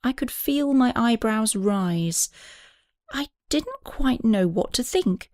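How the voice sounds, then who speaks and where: A woman's voice: fairly high pitch, lively intonation, takes it slowly, darkish tone, no room sound, studio quality. A woman reading an audiobook, narrating and voicing several characters with small shifts.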